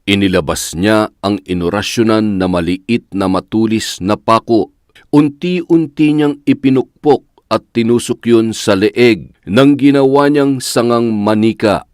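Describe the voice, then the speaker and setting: Male narrator for a horror story, deepish, measured and dramatic, dry close mic. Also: darkish tone, clear, resonant tone, no room sound.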